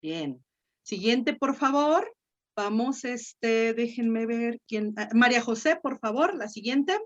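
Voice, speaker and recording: A woman's voice: a little high, lively intonation, slow pace. A Mexican woman teaching a Latin class online, patient and encouraging as she corrects students' pronunciation. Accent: Mexican Spanish. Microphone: video call. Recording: lo-fi video call audio.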